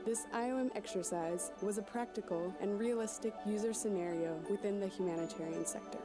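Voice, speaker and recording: Mid-pitched female narrator with background music. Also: a little fast. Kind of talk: scripted documentary narration.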